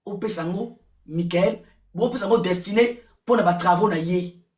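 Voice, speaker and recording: A woman giving casual gossip commentary, repeating words and switching languages in an excitable way. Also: fairly low pitch, moderate pace. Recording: roomy echo, distant from mic.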